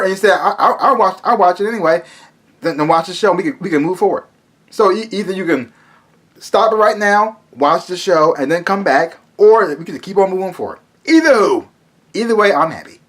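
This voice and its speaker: A man's voice: high voice, a bit bright. A man giving a casual, rambling episode recap, repeating words and loosely paraphrasing what the characters say. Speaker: TV show reviewer.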